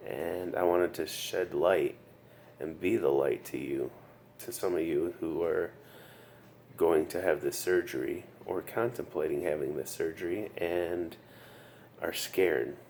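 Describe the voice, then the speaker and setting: Man, post-surgery patient doing a casual video diary. Weary, earnest, very slow delivery with fry, faint background noise. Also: low voice, darkish tone. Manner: earnest, halting, repeats himself. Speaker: patient sharing his recovery story. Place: hospital room. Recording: noticeable background room noise.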